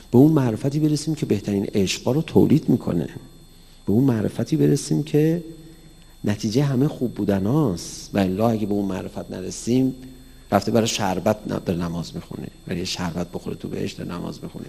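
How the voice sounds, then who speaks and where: Male cleric lecturing a live audience, gravelly, animated, long hall reverb. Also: lowish voice. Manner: animated, acts out dialogues with raised voice. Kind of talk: religious lecture on mysticism.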